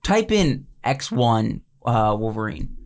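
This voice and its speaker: A man's voice: medium pitch, very animated, slow pace, a little mellow. A man co-hosting a casual podcast, laid-back and offhand. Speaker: podcast co-host.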